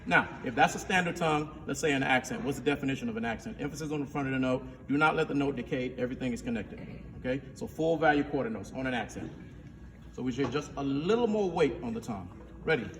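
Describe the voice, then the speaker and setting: Speaking fast and expressively in a medium pitch, a man directs a school band rehearsal, counting his players in. He illustrates how notes should sound by singing syllables. The mic picks him up from a distance in a reverberant room with faint noise.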